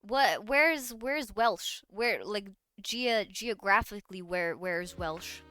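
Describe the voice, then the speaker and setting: A woman's voice: mid-range voice, expressive, takes it slowly, pushed and bright, dry recording. A woman streamer in casual live-stream chat, playful and giggly, swearing freely.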